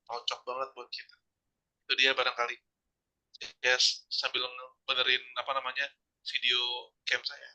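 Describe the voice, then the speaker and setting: A man's voice: medium pitch, monotone, moderate pace, long pauses, sharp tone, rough recording. A man co-speaking in a casual religious talk, explaining in everyday colloquial terms.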